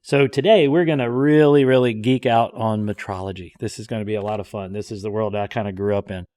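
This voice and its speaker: A man's voice: lowish voice, steady tone, a little fast, mellow. A man hosting a podcast, chatting casually and explaining with enthusiasm and frequent fillers. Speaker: podcast host.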